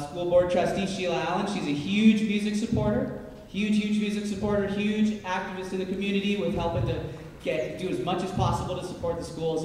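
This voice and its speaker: A man's voice: on the high side, darkish tone, a little hiss or hum. Friendly man in a distant echoing hall. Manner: friendly, halting, with many ums. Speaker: orchestra director. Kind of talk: live welcome speech. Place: large concert hall. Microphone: hall microphone heard from a distance. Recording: echoey concert hall from far off.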